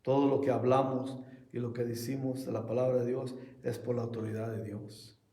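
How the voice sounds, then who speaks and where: A male pastor delivering a Bible study sermon with steady, earnest conviction. His voice is dark and mellow, carried in an echoey room. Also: medium pitch, normal speed. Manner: earnest preaching, ending in prayer.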